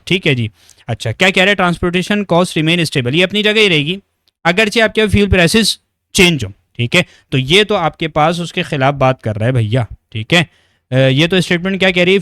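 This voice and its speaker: A young male teacher talks students through exam questions in a slightly raised voice. He coaxes them along, keeps checking that they follow, and slows right down to read each English sentence. The recording is close and dry, with no room sound. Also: a little high, a bit bright, dry recording. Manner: reads English sentences slowly and deliberately. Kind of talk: exam-prep lecture.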